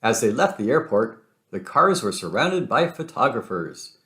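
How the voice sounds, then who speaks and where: A man reads a children's storybook aloud in an expressive style, using a mid-range voice at a normal speed. The recording sounds roomy and echoing.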